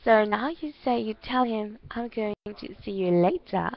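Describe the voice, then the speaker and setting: A woman's voice: medium pitch, expressive, unhurried, creaky. Woman language teacher, encouraging and explanatory, often checking understanding, on slightly dull, lo-fi audio. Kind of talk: giving spoken feedback in an online English lesson. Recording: muffled lo-fi online call audio.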